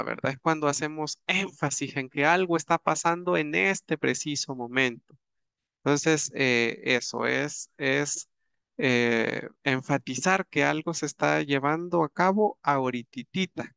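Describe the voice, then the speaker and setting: A man teaching a grammar lesson, patient and repetitive, with many pauses and fillers as he works through examples. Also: fairly high pitch, gravelly, a bit bright, clean tone, no room sound, clean studio sound. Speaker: language teacher.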